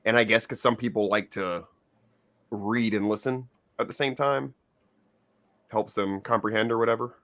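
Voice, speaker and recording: A man's voice: fairly low pitch, normal speed, long pauses. A man co-hosting a podcast, rambling through casual chat with lots of fillers. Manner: rambling, animated, filler-heavy. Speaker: podcast co-host.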